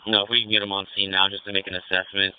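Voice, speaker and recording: A man's voice: deep voice, flat delivery, very fast, smooth, no room sound. A man acting as fire incident commander, giving clipped, procedural orders over a two-way radio. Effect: two-way radio transmission. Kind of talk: fireground radio traffic. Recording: tinny narrow-band radio audio.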